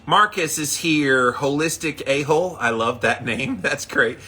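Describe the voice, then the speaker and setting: A man's voice: on the high side, measured pace, sharp tone, slightly rough. A man hosting a casual livestream, upbeat, repeating himself as he greets viewers by name and reads out their comments. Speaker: livestream host of a daily ice bath challenge.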